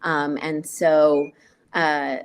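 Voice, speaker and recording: A woman with a low voice introduces herself on a panel. She speaks hesitantly, with frequent ums and restarts. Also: little pitch movement, extremely slow, clear, resonant tone. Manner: hesitant, many fillers. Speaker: charity co-founder.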